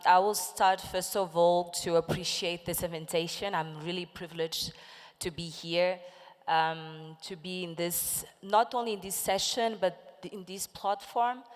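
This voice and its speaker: Her voice low-leaning and steady, a panelist in her forties, originally a Portuguese speaker, speaks unhurriedly to a large conference audience. The talk is a fervent, motivational call to action punctuated by questions shouted to the crowd. Echo from the hall colors the recording.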